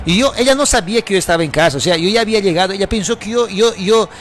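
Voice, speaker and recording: A man's voice: high-pitched, very fast, a bit bright. A young man telling a dramatized story to a pastor, pleading and indignant, repeating himself. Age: young adult. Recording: music playing underneath.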